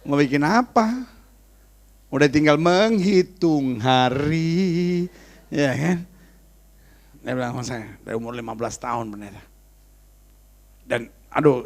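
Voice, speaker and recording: A man's voice: mid-range voice, gravelly, husky. A male pastor preaching a humorous, storytelling sermon to a church congregation, tossing in English phrases and calling out to the crowd.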